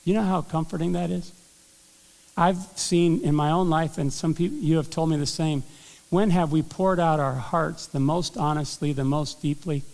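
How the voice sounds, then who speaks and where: A man's voice: on the high side, steady tone, normal speed, a little mellow. Man preaching in an echoing church. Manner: earnest, conversational preaching with frequent throat clearing. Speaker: pastor. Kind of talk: sermon. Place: church sanctuary. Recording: long hall reverb.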